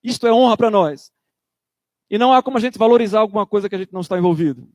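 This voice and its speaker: Male pastor, emphatic sermon delivery, high voice, dry close sound. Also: racing, a little mellow, no echo. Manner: emphatic preaching, acts out church members in quotes.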